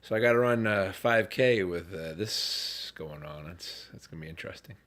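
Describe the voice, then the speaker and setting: A man's voice: sits low, moderate pace, a bit bright. A man, sick and sounding off, telling a rambling, self-deprecating story to camera. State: sick, congested. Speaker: vlogger.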